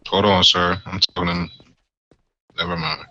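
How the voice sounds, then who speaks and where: A man's voice: sits low, level tone, normal speed, bright, forceful tone. A man playing a faction officer in a game roleplay, stating rules in a stern, formal way. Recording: muffled voice chat with faint noise.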